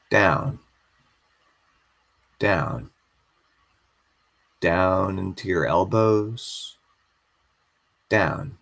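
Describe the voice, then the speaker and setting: A man guiding a slow hypnosis induction, soothing and repetitive. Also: low-pitched, vocal fry, fairly bright tone.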